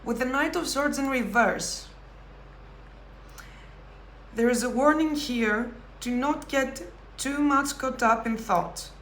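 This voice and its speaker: A woman giving a pick-a-card tarot reading, talking thoughtfully with pauses and self-corrections. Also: high voice, a bit bright, reverberant, slight background noise. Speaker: tarot reader.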